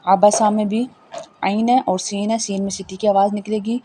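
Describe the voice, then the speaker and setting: A woman teaching a Tajweed lesson, spelling out letters slowly and patiently explaining how each one is pronounced, with faint background noise. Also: medium pitch, little pitch movement. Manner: slow, patient, repeats each point. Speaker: Quran reading teacher.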